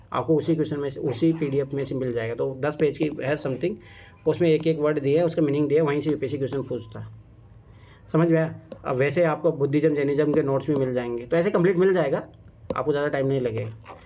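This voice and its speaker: A man's voice: on the high side, mellow, a little hiss or hum. A man teaching a casual exam-prep class, talking emphatically and checking often whether his students follow. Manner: emphatic, repeats "theek hai?" and "samajh mein aaya?". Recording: dull lo-fi classroom recording.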